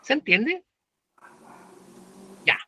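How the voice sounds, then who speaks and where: Drawing out his words in a sharp tone, a Chilean-accented man teaches a law lecture. His style is conversational, peppered with slang and questions posed to the students.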